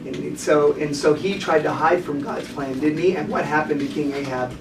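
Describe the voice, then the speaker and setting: A man's voice: a little high, fairly even intonation, moderate pace, vocal fry, noisy background. A man teaching a children's Bible class, encouraging the kids and prompting them with questions. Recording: echoey room, mic far off.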